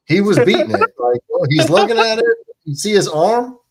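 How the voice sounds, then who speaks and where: A man's voice: high-pitched, big pitch swings, moderate pace, a loud crowd. A man co-hosting a sports watch party stream, telling a casual story with lots of laughter and voices for the people and animals in it.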